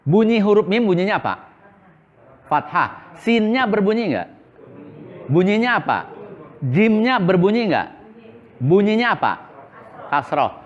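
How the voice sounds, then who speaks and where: Lively teacher quizzing his class. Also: sits high, highs cut off. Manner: repeats questions and answers them himself. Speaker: Islamic boarding school teacher. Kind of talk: classroom lesson with call-and-response questions.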